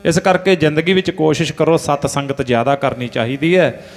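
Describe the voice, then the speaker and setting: A man preaching a religious sermon, telling a story and breaking into slow chanted verses. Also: fairly high pitch. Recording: reverberant hall with faint music.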